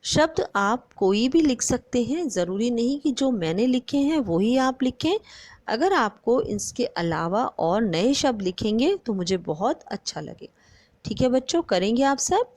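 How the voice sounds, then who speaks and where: Woman primary teacher, slow and sing-song, drawing out example words for small children; dry, close sound. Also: fairly high pitch, big pitch swings, darkish tone, no echo. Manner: addresses the pupils often and asks them questions. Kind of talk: online grammar lesson for young children.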